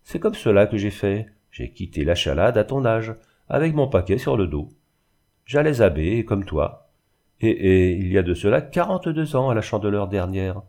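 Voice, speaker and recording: A man voicing a suspicious, miserly old uncle with a piercing, plaintive tone and a curt, gruff manner, in a storybook reading. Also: lowish voice, very animated, moderate pace, darkish tone. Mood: grumbling.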